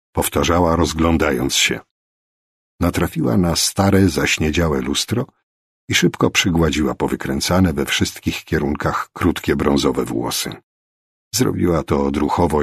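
A man narrating an audiobook in an expressive storytelling manner. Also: low voice, husky, no room sound, clean studio sound. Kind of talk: scripted narration.

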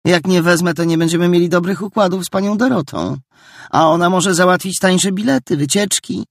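A man's voice: sits high, a little fast, gravelly, no room sound, clean studio sound, voice pushed up. Matylda, a man doing a snappy, jealous teenage girl. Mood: scornful. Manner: sharp, scornful delivery.

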